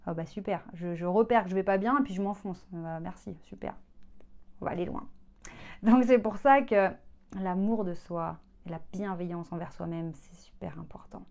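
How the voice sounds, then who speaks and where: Expressive French-speaking woman coach. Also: fairly low pitch, normal speed, creaky. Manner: expressive, acts out inner dialogues; frequent fillers and restarts, chatty. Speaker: coach for women. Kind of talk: motivational self-help talk.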